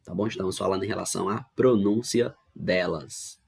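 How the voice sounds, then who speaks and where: A man's voice: low voice, moderate pace, vocal fry, a little mellow, breathy edge. A man with a Brazilian Portuguese accent teaching an online grammar lesson, patiently explaining step by step and often checking that students follow. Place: home recording for online class.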